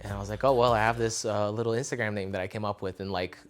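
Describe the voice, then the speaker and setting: A young man from Russia, a musician, talking casually in an interview, relaxed and rambling with lots of fillers. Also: on the low side, fast, faint music behind.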